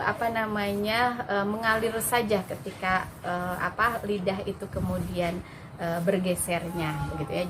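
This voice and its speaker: A woman teaching Quran recitation in a relaxed, informal lesson, explaining slowly with many fillers and sounding out syllables for her students. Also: medium pitch. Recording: noisy background hiss.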